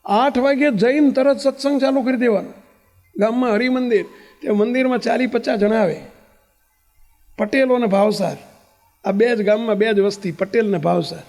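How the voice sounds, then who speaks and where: High-voiced man telling a sermon story. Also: moderate pace, gravelly, pauses often, long reverb tail, faint music behind. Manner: lively storytelling, acts out the voices of people in the story.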